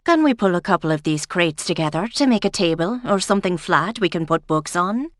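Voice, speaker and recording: A woman narrator voicing a brisk, practical woman researcher in a cozy mystery audiobook, businesslike and chatty. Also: on the low side, lively intonation, no room sound, studio quality, natural voice.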